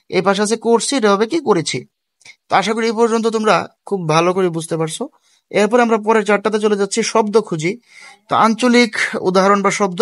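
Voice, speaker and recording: A man with a high voice gives a tutorial lesson and asks himself questions as he goes. The close recording is dry, with no room sound. His speech is casual and mixes in English words. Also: no room sound. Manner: explains step by step, asking and answering his own questions. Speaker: teacher.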